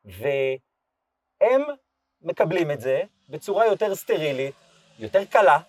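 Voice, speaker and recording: A hoarse man explaining things thoughtfully in a casual chat. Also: a little high, sing-song, darkish tone, no room sound, recorded from a distance.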